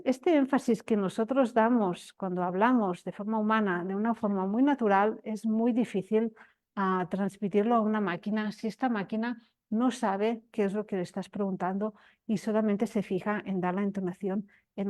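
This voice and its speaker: A woman's voice: medium pitch, fairly even intonation, normal speed, a little mellow. A woman giving an academic lecture, explaining step by step with frequent restarts and emphatic rises.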